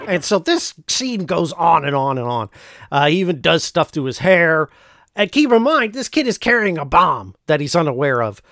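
A man with a slightly high voice talks in a very dry, close recording. He recounts things casually, in a halting, rambling way, like a host walking listeners through a story. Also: sing-song, gravelly, a bit bright, no room sound. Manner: halting, rambling delivery with pauses mid-phrase. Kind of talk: casual film plot recap.

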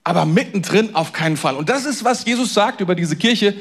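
Male pastor, high voice, casual sermon delivery that swings from loud stress to low, quiet intensity. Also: a little fast, husky. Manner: lively, shifts between loud emphasis and quiet intensity; conversational, addresses listeners directly.

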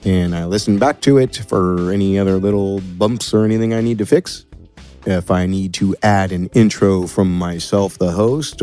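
Low-pitched and warm, this American guest from California, a podcast producer and audio editor, chats casually and playfully about his working process in laid-back, everyday language.

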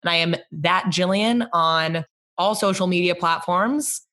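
A woman's voice: fairly low pitch, unhurried, fairly bright tone. A young adult woman, a guest on an interview, talking earnestly and thoughtfully about her work. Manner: earnest, thoughtful, laughs easily. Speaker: interview guest, community organizer. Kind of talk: casual interview chat.

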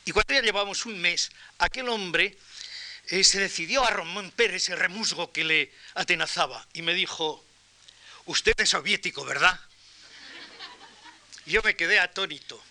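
Older Spanish man giving a bright lecture. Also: high voice. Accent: Castilian Spanish. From Spain. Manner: measured, anecdotal, with pauses and restarts. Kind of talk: academic lecture.

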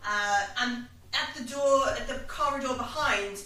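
A woman narrates a tabletop game as game master. Her voice is fairly high and bright, and she describes things in halting, improvised phrases. The recording is distant and very roomy, with music behind. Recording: very echoey room, distant mic, music.

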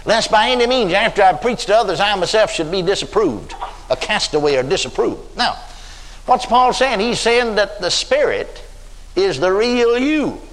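A man's voice: high-pitched, big pitch swings, moderate pace, fairly bright tone. An older man with a Texan accent preaching a sermon, telling stories dramatically and drawing out emphatic words. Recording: long reverb of a church hall.

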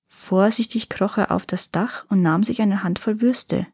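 A woman storyteller reads a folk fairy tale aloud in a calm, even way. Her voice is slightly husky and mid-pitched. The sound is close and dry. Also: a little slow, no room sound. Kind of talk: scripted fairy-tale narration.

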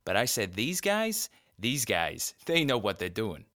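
An actor playing a breezy, cocky cop sidekick, slangy and excitable, in a scripted comic audio drama. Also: male voice, fairly low pitch, unhurried, no echo, clean studio sound, full character voice. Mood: eager.

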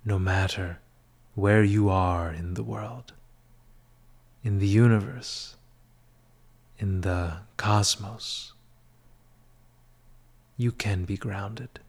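A man leading a guided meditation in a soft, breathy, half-whispered spa voice, soothing and measured, with long pauses between short phrases. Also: fairly low pitch, fairly even intonation.

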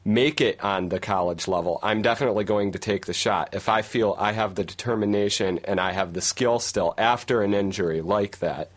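A man's voice: on the low side, fairly quick, hardly any pauses. A young man on a radio panel, making his points in a confident, emphatic way. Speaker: studio guest panelist.

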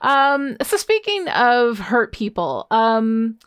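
A woman's voice: on the high side, sing-song, slow, a bit bright, smooth. A woman co-hosting a podcast, chatting casually about comics with plenty of fillers. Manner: chatty, many fillers and agreeing murmurs. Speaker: podcast co-host.

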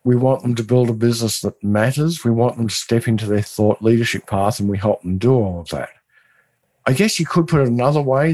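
A man's voice: medium pitch, a little mellow. A man co-hosting a casual business chat, explaining enthusiastically with stammering restarts. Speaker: co-host.

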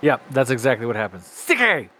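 A man player in a tabletop game, talking in an excitable, playful way. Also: mid-range voice, fairly quick, slight background noise. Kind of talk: casual tabletop game chat.

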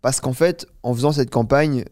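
A man's voice: medium pitch, dry recording, studio quality. A man in his twenties, a startup founder and guest, telling a story at length in a casual interview, with lots of fillers and "you see". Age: 20s. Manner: fast, animated, filler-heavy storytelling with many "tu vois".

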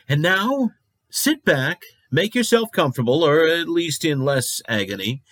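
An actor playing a cranky, darkly comic radio host presenting a late-night show in a deadpan, muttering manner. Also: male voice, on the high side, slow, pauses often, no echo, clean studio sound, heavily acted. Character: marooned eccentric male radio agony uncle, cranky, darkly comic.

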